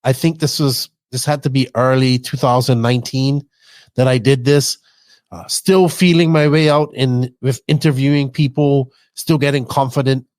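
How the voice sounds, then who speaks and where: A man's voice: medium pitch, steady tone, normal speed, a little mellow, no echo. A man with a toned-down Bermudian accent, talking informally and at length as a podcast host. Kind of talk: casual podcast talk.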